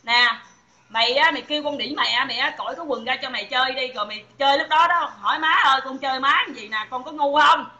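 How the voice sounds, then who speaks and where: A woman's voice: sits high, fast talker, roomy sound, lo-fi sound. A woman with a Southern Vietnamese accent, ranting profanely and taunting her listeners on a phone livestream. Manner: profane, taunting, shouting insults. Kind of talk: angry livestream rant.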